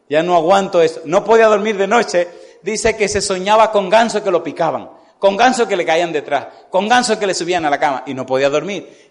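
A male preacher tells a moral story during a sermon, his voice set fairly high. He speaks in an animated way and keeps turning to his listeners with repeated yes-or-no questions. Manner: animated, repeatedly asks the congregation "sí o no".

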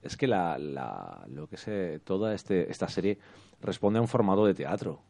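A man chatting casually as a podcast co-host about a TV series, rambling and animated. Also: deep voice, moderate pace, vocal fry. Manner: rambling, animated, quotes characters. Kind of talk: casual chat reviewing a TV series.

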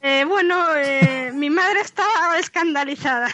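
A woman's voice: high voice, a little slow, pushed and bright, dry recording. A young woman from Spain, a novelist being interviewed on the radio, talking hesitantly with lots of fillers and restarts. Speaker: novelist guest.

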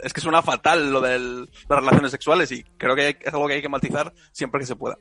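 A man's voice: medium pitch, steady tone, a little fast, bright, forceful tone, no echo. A man in his twenties from Spain, a researcher answering radio interview questions with frequent hesitations and restarts. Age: 20s. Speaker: guest, researcher.

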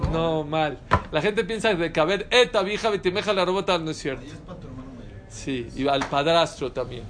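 A man's voice: fairly high pitch, a little hiss or hum. A man giving a sermon to a live audience, telling stories with rhetorical questions and Hebrew terms mixed in. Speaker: religious lecturer.

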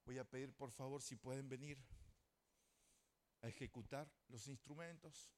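A man with a Rioplatense accent preaching a sermon to his congregation, emphatic, with sudden rises and soft drops. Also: mid-range voice, steady tone, normal speed. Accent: Rioplatense Spanish. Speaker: pastor. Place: church before a congregation.

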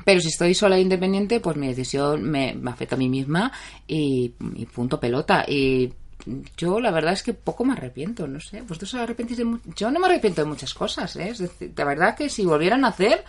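A middle-aged woman with a Spain Spanish accent, speaking in a slightly low voice. She is a therapist on a casual live stream, answering viewers' comments by name with blunt, chatty advice. Her talk is frank and often breaks into laughter. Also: animated, a little fast.

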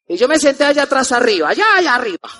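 A young Colombian man in his twenties telling a lively personal story to a live audience as a motivational speaker, acting out the people in it. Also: extremely high pitch, very fast, slight background noise. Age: 20s. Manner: animated, acts out the voices of the people in his story.

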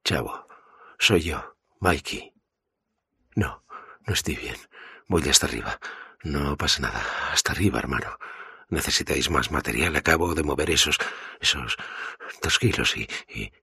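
A man's voice: extremely low pitch, expressive, unhurried, pauses often, bright, forceful tone, slightly rough, exaggerated voice. Man putting on a shrieking, panicked tortured dealer. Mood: shaky, strung out. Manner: screaming and begging in panic. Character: terrified strung-out male drug dealer under torture.

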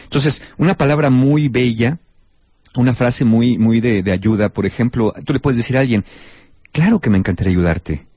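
A man, hosting a talk show and explaining relationship advice in an animated way. He keeps stepping into little acted-out scenes of what people say. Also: mid-range voice, normal speed, dry recording, clean studio sound. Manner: animated, acts out short quoted scenes. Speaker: host.

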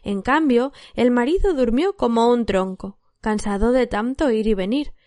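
A woman storyteller giving a measured, expressive narration of a fairy tale. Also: on the high side, no echo.

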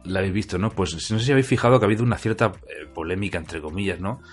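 A man's voice: low voice, racing. A man over music. He co-hosts in a colloquial, wry, chatty way. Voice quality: raspy, smoker-like rasp. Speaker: podcast co-host. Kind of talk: casual humorous chat.

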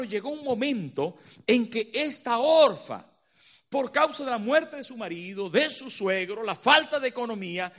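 High-voiced male preacher. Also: pushed and bright. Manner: dramatic, asks the congregation rhetorical questions. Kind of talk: sermon.

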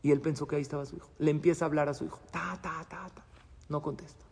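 Gravelly rabbi teaching in a hall. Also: male voice, on the high side, fairly even intonation, very fast, darkish tone. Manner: dramatic storyteller, mixes in Hebrew terms. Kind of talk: religious class with storytelling. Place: synagogue hall. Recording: long hall reverb.

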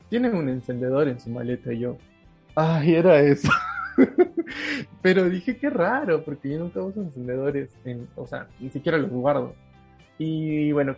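A man's voice: mid-range voice, creaky, a little mellow, breathy edge, highs cut off. A man casually telling a story, acting out the dialogue and laughing often.

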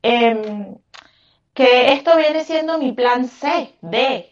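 A Venezuelan woman with a high voice talks extremely slowly, answering interview questions conversationally in an effusive, emphatic way. She runs a craft business and is a guest on a podcast, speaking Venezuelan Spanish. The microphone sounds muffled, distant and echoey.

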